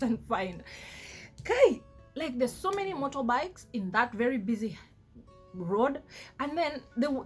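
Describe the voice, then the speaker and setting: A Kenyan woman vlogger with a Kenyan accent, telling a story casually, laughing often and mixing in Swahili. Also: a little high. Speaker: vlogger, flight attendant.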